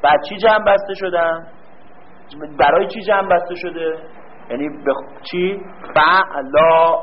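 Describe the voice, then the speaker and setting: Male teacher, slightly high voice, drawn-out stressed words, faint background hum. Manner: asks rhetorical questions and answers them himself. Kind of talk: grammar lecture. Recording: dull lo-fi recording with faint room hum.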